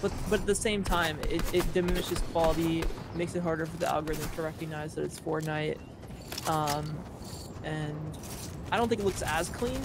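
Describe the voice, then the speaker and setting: A man's voice: a little high, moderate pace. A twenty-year-old man chatting casually as a guest on a gaming podcast, easygoing, with short agreeing replies. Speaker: guest gamer. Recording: noisy game audio behind.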